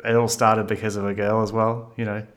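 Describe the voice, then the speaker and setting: A man's voice: fairly low pitch, level tone, fairly quick. Easygoing male podcast host. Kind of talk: casual interview.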